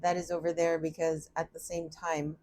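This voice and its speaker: Here a tarot reader speaks in a low, darkish monotone at normal speed. Sitting in a room at home, she gives an informal, talkative reading, voicing her thoughts and repeatedly laughing at herself.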